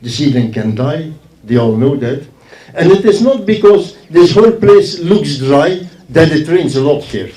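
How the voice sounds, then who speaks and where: A man from a forestry organisation speaks as a guest at a ceremony, giving an informal, emphatic speech and repeating phrases for effect. His voice is a little high and mellow, with lively intonation and a slightly slow pace. The recording is echoey, as if heard from far away.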